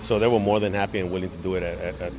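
A man's voice: deep voice, steady tone, racing. A man who manages an auto body team, speaking in an interview and stammering over repeated words.

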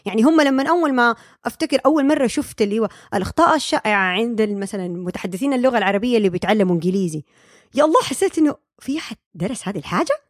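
A woman's voice: a little high, expressive, very fast, no room sound, studio quality. A young woman, a speech-language pathologist explaining her field in a casual interview, with many fillers and English terms. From Saudi Arabia.

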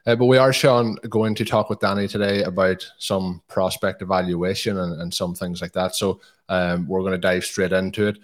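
A man's voice: low voice, steady tone, normal speed, few pauses. A man from Donegal with a west of Ireland accent, hosting a podcast in a casual, chatty style. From Donegal, northwest Ireland. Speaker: podcast host.

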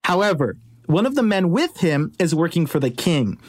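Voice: mid-range voice, big pitch swings, moderate pace, slightly rough. A podcast host retelling an old legend in a casual, conversational way, with joking asides to the listener. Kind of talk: casual storytelling.

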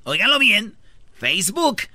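A man's voice: high-pitched, normal speed, dry recording. A man hosting a comedy radio show, telling stories in a slangy, joking way. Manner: slangy, joking, animated storytelling. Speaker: radio host. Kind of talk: comedic radio news banter.

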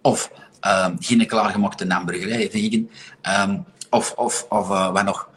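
A man's voice: lowish voice, measured pace. Blunt, sarcastic Flemish man livestreaming. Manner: blunt, sarcastic, animated, with frequent rhetorical questions. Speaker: livestream host. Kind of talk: casual livestream commentary.

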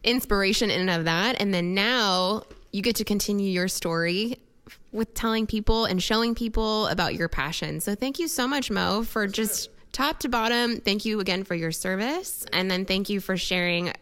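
Bright, gushing woman host. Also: mid-range voice, normal speed, clean tone. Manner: gushing, upbeat. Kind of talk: entertainment show hosting.

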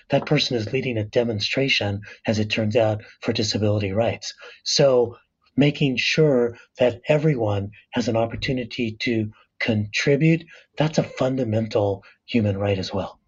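An American man with a rough smoker's rasp, explaining ideas in a measured, thoughtful interview style. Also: mid-range voice, muffled recording. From Southern California, United States. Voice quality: raspy, rough smoker-like rasp from a speech disorder. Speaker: professor and author, interview guest.

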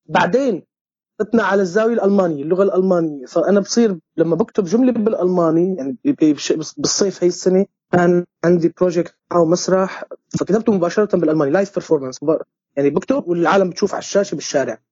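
A male playwright and theatre director from Homs answers interview questions in a Syrian Arabic accent, haltingly, restarting often and slipping in English words. His high, darkish voice has a breathy edge, with no room sound and a dull lo-fi recording.

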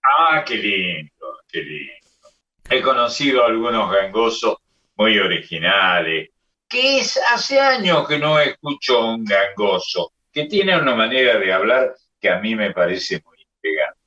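A man, a radio host chatting casually and reminiscing in an unhurried way. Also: lowish voice, big pitch swings, bright, forceful tone. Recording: dull sound, distant mic.

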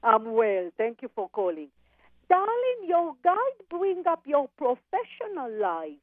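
A woman's voice: high voice, huge pitch swings, no echo. Psychic woman on a tinny phone line. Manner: calls people darling and honey, halting with fillers. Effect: phone line into a radio show. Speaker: psychic medium guest on a radio show.

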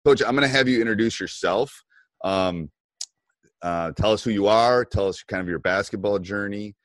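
Host: male coach, lower voice, loose rambling delivery, dry close sound. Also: moderate pace, dry recording. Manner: rambling, many fillers and restarts. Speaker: podcast host, basketball coach. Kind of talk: casual podcast chat.

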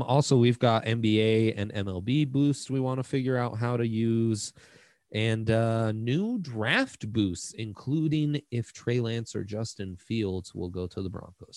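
A man's voice: on the low side, darkish tone, dry recording, studio quality. A man co-hosting a sports betting show, giving casual commentary and running through the numbers.

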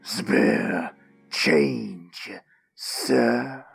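Man putting on a gravelly homeless stranger. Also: medium pitch, extremely slow, soft background music, exaggerated voice. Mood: ominous.

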